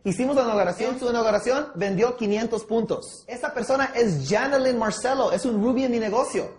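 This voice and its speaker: High-voiced energetic male sales trainer. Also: brisk. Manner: energetic, coaching, mixes English words into Spanish. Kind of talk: sales training talk with role-play. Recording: echoey room.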